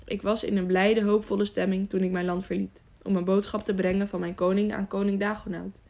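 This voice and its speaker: A woman reading an earnest young male knight in an even tone. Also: medium pitch, a little fast, creaky, lightly acted.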